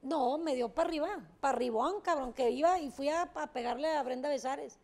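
Woman, talk show guest: high voice with gravel, blunt and emphatic, casual swearing. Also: moderate pace, darkish tone. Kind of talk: candid interview storytelling.

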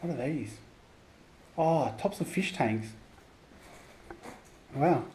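Speaking extremely slowly in a fairly high voice with lively intonation, this vlogger explores an abandoned campus building indoors and offers a casual running commentary on whatever he comes across. A head-mounted action camera captures the noisy, handheld-style audio.

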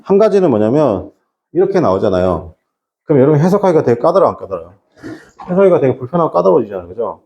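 A middle-aged man teaching an English reading class to high school students, often asking rhetorical questions. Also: big pitch swings, racing, lo-fi sound. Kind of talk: classroom lecture.

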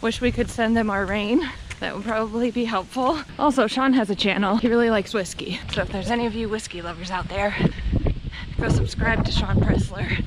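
A woman's voice: mid-range voice, fairly quick. An American woman in her thirties chatting casually to camera while running outdoors, with a wry, sarcastic, sweary manner, recorded on a handheld camera in the wind. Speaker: vlogger. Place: outdoors on a windy country road. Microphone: handheld camera at arm's length. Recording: windy, noisy outdoor action-camera audio.

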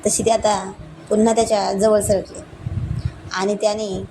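A woman telling a romantic story as narrator in a steady, intimate way. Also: mid-range voice, moderate pace, faint music behind, poor audio.

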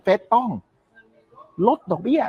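A man's voice: slow, no room sound, highs cut off. A man giving a casual, emphatic talk as an economic commentator. He makes firm predictions and keeps checking whether the listener follows him.

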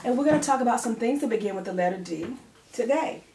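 A woman's voice: fairly high pitch, lively intonation, fast talker, creaky, darkish tone. A middle-aged woman teaching a children's lesson to camera, speaking in simple, repeated phrases as a preschool teacher. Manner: simple, repetitive phrasing addressed to young children. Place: living room or study at home. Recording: roomy, distant mic, faint noise.

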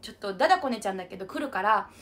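Young female streamer, bubbly casual chat, bright animated delivery. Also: medium pitch, rapid-fire. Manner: bubbly, refers to herself with an unusual cutesy pronoun. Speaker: livestream idol host. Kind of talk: casual livestream chat reading comments.

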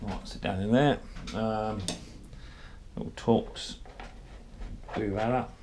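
The small engine repair host here has a lowish voice with fairly even intonation and a slow pace. Working on a chainsaw brake in his workshop, he chats casually, runs himself down a little and thinks aloud. A head-mounted camera records him, with clear shop noise and tool clicks.

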